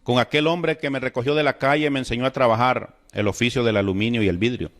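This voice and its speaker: A middle-aged man tells his faith testimony to a fellowship audience in a voice of ordinary pitch. He speaks earnestly, turning again and again to address his listeners directly. He acts out remembered conversations as he goes. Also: fairly even intonation, quick pace, a bit bright.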